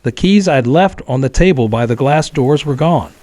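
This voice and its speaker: A man telling a true horror story as scripted narration, in a calm, measured way. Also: a little high, dry recording.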